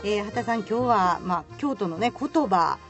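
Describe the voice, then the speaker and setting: A woman's voice: medium pitch, animated, normal speed, a bit bright, soft background music. A woman hosting a radio talk show, responsive and full of agreement. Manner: responsive, frequent back-channel agreement. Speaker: radio host.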